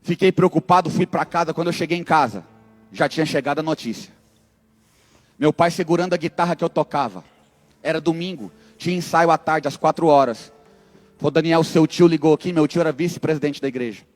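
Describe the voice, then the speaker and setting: Man, high voice, dramatic sermon testimony, long hall reverb. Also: brisk, soft background music. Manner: dramatic storyteller, acts out dialogue, humorous asides. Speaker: preacher giving testimony.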